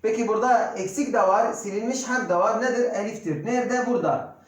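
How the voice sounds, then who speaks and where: A man with a Turkish accent teaching Arabic, slowly drilling pronunciation by repeating words. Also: high-pitched. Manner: slow, repetitive drilling of pronunciation. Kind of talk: recorded classroom lesson. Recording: very echoey room.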